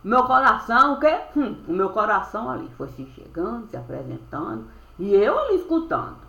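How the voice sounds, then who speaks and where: A woman telling a spiritual story as a monologue, in rhyming, sing-song phrases that end on drawn-out verbs, recorded on a webcam. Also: fairly high pitch, sing-song, gravelly, a bit bright, dull audio. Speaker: storyteller recounting a spiritual experience. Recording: echoey room.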